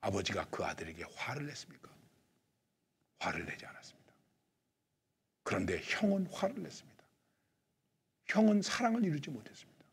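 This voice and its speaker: Male pastor, middle-aged, very husky and breathy, lively pitch swings, preaching style. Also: fairly quick, long pauses. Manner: animated, swings between loud emphatic lines and dropped near-whispers; asks the listeners rhetorical questions. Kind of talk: sermon.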